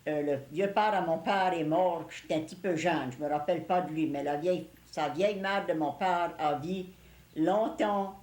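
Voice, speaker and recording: A woman's voice: fairly low pitch, normal speed, darkish tone. Older Cajun French woman in an echoey room. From Louisiana, USA. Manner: plain-spoken, rural storytelling with English words mixed in. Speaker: interviewee recalling family life. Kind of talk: casual oral-history reminiscence.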